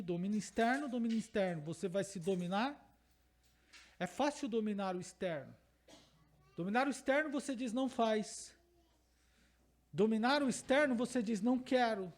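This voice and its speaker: A man with a Brazilian Portuguese accent preaches a teaching sermon in a strikingly high voice. He presses his points by repeating phrases and putting questions to the congregation. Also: darkish tone. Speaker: pastor.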